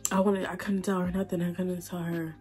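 A young woman, crying and halting as she tells her story while doing her makeup. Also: fairly low pitch, little pitch movement, mellow, soft background music. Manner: emotional, halting, repeats herself. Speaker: beauty vlogger. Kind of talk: tearful get-ready-with-me chat.

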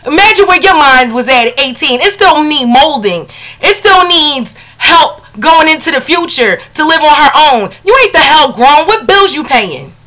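A woman's voice: high-pitched, pushed and bright, poor audio. A middle-aged woman, a mother, ranting to the camera in an angry, profane, confrontational way. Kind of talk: casual vlog rant.

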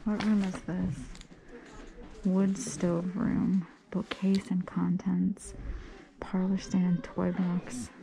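Recording on a body-worn action camera, a vintage paper reseller chats her way through an old house at an auction in a casual walk-through vlog, gushing over finds and whispering some reading aloud. Her voice sits on the low side, level and very slow with vocal fry. The low-quality recording picks up crowd noise.

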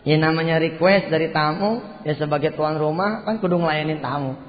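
A man preaching a sermon, telling a story in lively, colloquial speech and acting out the dialogue. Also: fairly high pitch, a little fast, in a large hall, dull audio, slight background noise.

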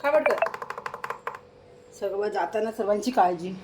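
A woman's voice: medium pitch, measured pace, a little mellow. A woman vlogging at home, coaxing her pets in repetitive baby talk. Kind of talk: casual home vlog. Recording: noisy background with passing vehicles.

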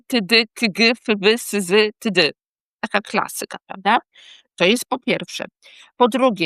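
A woman's voice: mid-range voice, gravelly, no room sound. A woman teacher explaining warning signs of dyslexia to parents and teachers, often checking in with short tag questions. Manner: lively, checks in with tag questions like "tak?" and "hmm?".

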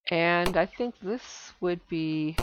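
A woman hosting a let's play of an old computer game, relaxed and thinking aloud as she reads the game's text. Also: fairly low pitch, slow pace, slight background noise. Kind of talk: casual game commentary. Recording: slightly dull lo-fi desktop recording.

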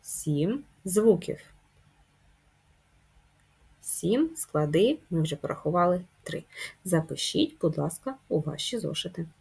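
A woman teacher giving a slow, deliberate lesson to young children, jumping up high on the key words. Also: sing-song, vocal fry, dark tone, husky. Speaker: primary school teacher.

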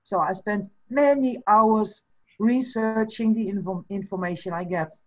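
In a relaxed webcam conversation from a small room, a woman in her fifties from the Netherlands, whose mother tongue is Frisian, appears as a guest. She speaks at a medium pitch with a darkish tone, slow and reflective, with small laughs mixed in.

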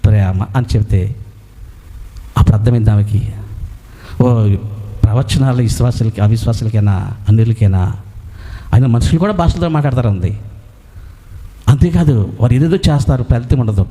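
Mellow-voiced male preacher in a hall. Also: medium pitch, lively intonation, normal speed, long pauses. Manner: asks rhetorical questions and answers them himself, with frequent hallelujahs. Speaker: pastor. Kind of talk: preaching a sermon.

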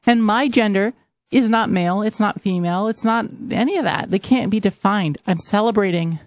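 A woman's voice: mid-range voice, moderate pace, no room sound. Rambling, slightly breathless woman co-host. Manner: rambling, self-interrupting, frank. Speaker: podcast co-host. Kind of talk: casual podcast chat.

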